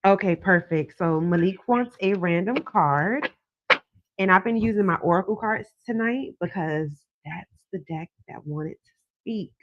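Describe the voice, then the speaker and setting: A woman's voice: mid-range voice, a little slow, no echo, highs cut off. A woman hosting a live call-in as a psychic card reader, chatting casually and drawing out words for emphasis. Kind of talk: casual live-stream chat and card reading. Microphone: phone propped on a desk.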